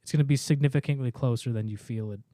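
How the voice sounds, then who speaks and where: A man co-hosting a podcast, reading off a list of states in a steady run, then talking through his reasoning in casual chat. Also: mid-range voice, fast talker, no room sound, studio quality. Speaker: podcast co-host.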